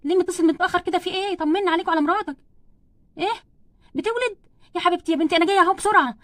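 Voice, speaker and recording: A woman's voice: very high-pitched, rapid-fire, a bit bright, dry recording. A woman with an Egyptian accent voicing a fretting motherly doll who is flustered and keeps piling up pious exclamations. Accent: Egyptian Arabic.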